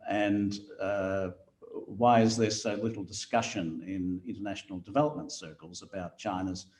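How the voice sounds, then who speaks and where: A man's voice: deep voice, a little mellow, roomy sound. A man moderating a webinar, reading out audience questions hesitantly with many filler sounds.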